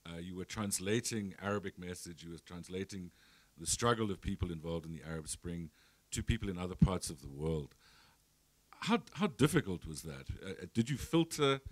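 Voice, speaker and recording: A man's voice: low-pitched, lively intonation, moderate pace, no echo. A man moderating a panel discussion, stammering with repeated words as he starts his questions.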